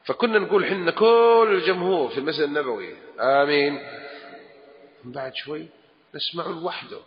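A man's voice: fairly high pitch, fast talker. A man, a religious scholar giving a lesson and answering questions, speaking emphatically and acting out the phrases he quotes. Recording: echoey hall, dull lo-fi, faint hiss.

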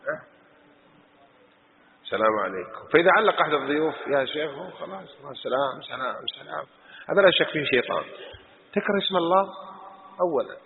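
A man's voice: fairly high pitch, expressive, a little fast, vocal fry, long pauses, a little hiss or hum. A man teaching a mosque lesson, admonishing with rhetorical questions. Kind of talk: religious lesson. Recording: tinny phone-like recording in a reverberant hall.

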